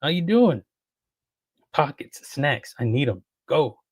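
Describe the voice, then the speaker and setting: A relaxed man chats on a home livestream, greeting viewers by name and laughing lightly between comments. His voice sits in an ordinary middle range. The sound is close and dry, with no room echo. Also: medium pitch, slow pace, husky. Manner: laid-back, chuckles often, greets viewers by name. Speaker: livestream host. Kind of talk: casual livestream chat, reading comments.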